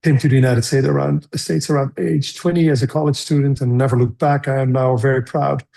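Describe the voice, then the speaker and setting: A middle-aged Dutch screenwriter, a guest in a conversational interview, speaks thoughtfully but haltingly, frequently restarting his sentences. His mid-range voice is dark and gravelly, with a steady tone.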